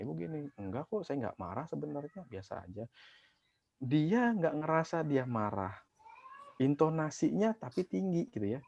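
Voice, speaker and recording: A man's voice: medium pitch, creaky, a little mellow, no echo. A man speaking as a psychologist in a webinar, explaining in a conversational way with rhetorical questions and frequent fillers. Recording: dull dry webinar audio.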